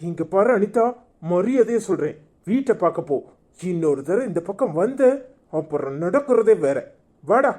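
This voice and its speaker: A fed-up office boss with a Tirunelveli Tamil accent, voiced by a man. He scolds in a dark, mellow tone. He sounds worn out and short-tempered in a cartoon comedy. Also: sits high, big pitch swings, normal speed. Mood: stern.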